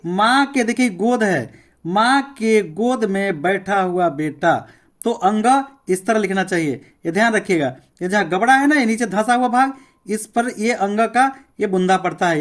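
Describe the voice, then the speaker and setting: A male teacher gives a classroom grammar lesson. He says sounds one by one, slowly and with care, and keeps urging listeners to pay attention and try them aloud. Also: sits high. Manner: repeats sounds slowly, enunciating each one as a demonstration.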